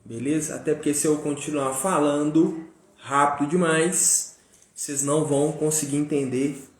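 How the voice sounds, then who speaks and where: A man's voice: a little high, moderate pace. Chatty Brazilian man in echoey room. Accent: Brazilian Portuguese. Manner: relaxed and chatty, many fillers and tag questions. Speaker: host of a daily religious live stream. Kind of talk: casual live-stream talk. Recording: echoey room with faint noise.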